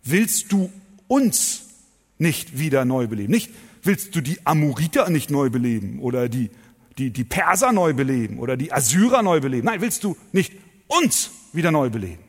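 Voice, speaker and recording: A man preaching a sermon to his congregation, emphatic, asking rhetorical questions and swinging between loud and soft. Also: mid-range voice, sing-song, moderate pace, slightly rough. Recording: long hall reverb.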